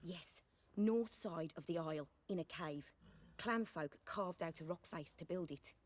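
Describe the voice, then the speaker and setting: A woman's voice: lowish voice, a little slow. An actress playing a blunt, outspoken young woman who helps at a forge, in video game dialogue. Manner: blunt, matter-of-fact. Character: stubborn, outspoken young woman, blacksmith's helper.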